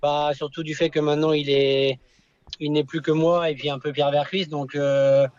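Young male racing driver, radio guest, hesitant with lots of pauses, dry and dull sound. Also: fairly high pitch, level tone, darkish tone, clear, resonant tone, dry recording. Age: young adult. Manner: hesitant, many fillers and restarts. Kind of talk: radio interview.

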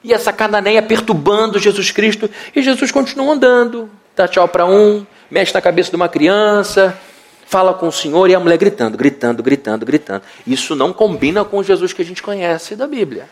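Middle-aged Brazilian male pastor, slightly high voice, dramatic sermon storyteller. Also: fairly quick. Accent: Brazilian Portuguese. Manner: dramatic storytelling, acts out quotes.

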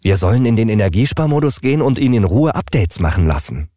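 A man's voice: lowish voice, very animated, fast, dark tone, dry recording, studio quality, voice pushed up. A man reading an audiobook, voicing an earnest, worried smart refrigerator. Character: anxious smart fridge, worried leader.

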